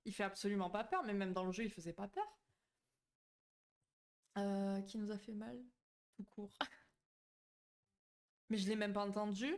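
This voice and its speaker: A woman's voice: medium pitch, a little slow, long pauses. Chatty woman streamer reading her chat. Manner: chatty, warm toward viewers, many fillers and restarts. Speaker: psychology streamer hosting a live. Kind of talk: casual live-stream talk, reading chat. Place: home streaming setup.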